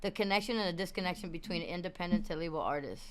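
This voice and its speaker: A young adult woman, the guest musician, chatting casually in an interview, full of slang and shout-outs. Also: on the low side, rapid-fire.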